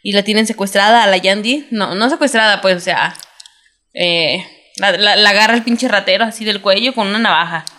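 A young adult woman with a Mexican Spanish accent, recapping a TV drama in casual, slangy, animated chat as a podcast co-host. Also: mid-range voice, a little fast. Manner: slangy, animated storytelling with quoted voices.

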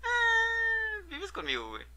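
A man's voice: very high-pitched, huge pitch swings, slow, pushed and bright. A young man with a Mexican accent telling a personal story in a casual, profane chat, dropping slang fillers constantly. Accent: Mexican Spanish. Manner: profane, slangy, tags nearly every phrase with a filler.

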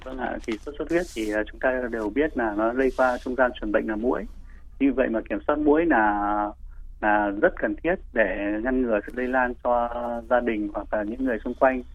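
Husky, creaky man, muffled line. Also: medium pitch. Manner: hesitant, with frequent pauses and repeats. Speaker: doctor, infectious disease specialist guest. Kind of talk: explanatory interview answers.

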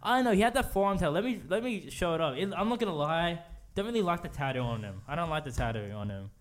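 A man's voice: on the high side, animated, fast. Casual rambling young man. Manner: loose, rambling, exclaims often. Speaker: podcast co-host. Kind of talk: casual chat.

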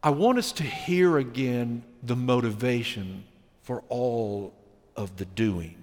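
A man preaching a sermon as pastor, alternating emphatic points with slow, weighty scripture reading. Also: medium pitch, a little mellow. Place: church sanctuary. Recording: long reverb of a church sanctuary.

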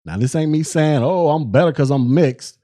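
A man's voice: on the high side, moderate pace. Young guy doing a solo podcast rant, slangy, keeps restarting his words, voice jumps all over. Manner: animated, repetitive restarts, colloquial slang. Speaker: podcast host. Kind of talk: casual solo commentary.

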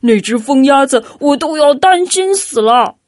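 A fretful friend at home, as a woman reader puts him on, speaking louder and more worked up than the narrator. It is a children's story read aloud in a dry room. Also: mid-range voice, unhurried, no echo, natural voice.

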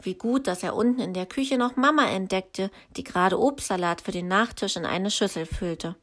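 A woman, likely a teacher, reading a children's story aloud in a slow, calm storytelling way. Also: mid-range voice.

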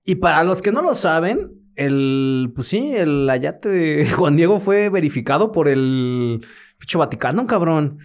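A Mexican man cracks jokes on a comedy podcast, his slightly high voice swooping all over. He tells stories in a loose, playful way and acts out the voices in them. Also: sing-song, measured pace. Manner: joking, acts out voices in retellings. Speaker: podcast co-host. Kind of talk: comedic political podcast banter.

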